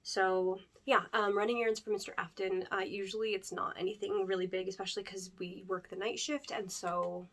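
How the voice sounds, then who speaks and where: A woman's voice: medium pitch, level tone, brisk, hardly any pauses, lightly acted. A young woman playing a chatty pizzeria staffer who interviews a new hire in an ASMR role-play. She rambles in an upbeat way, with lots of fillers and nervous jokes. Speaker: ASMR creator.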